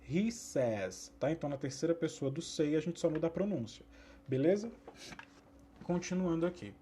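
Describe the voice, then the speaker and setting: Man, English teacher, mellow somewhat high voice, patient and repetitive. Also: breathy edge. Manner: patient, repeats each rule slowly and asks the class to pay attention. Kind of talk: recorded lesson for sixth-grade students.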